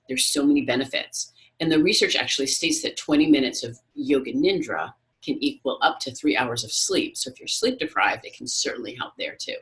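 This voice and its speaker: A man speaking conversationally as a meditation facilitator, explaining and giving gentle wellness instruction. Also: medium pitch, poor audio. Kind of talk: guided meditation and wellness talk.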